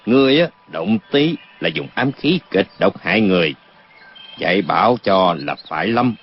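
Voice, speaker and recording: A man voices a gentle middle-aged nobleman father who speaks kindly and mildly. His low voice moves lively in pitch. The recording is dull and lo-fi, with a faint hiss. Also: moderate pace, creaky. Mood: scolding. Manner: kind, mild, indulgent.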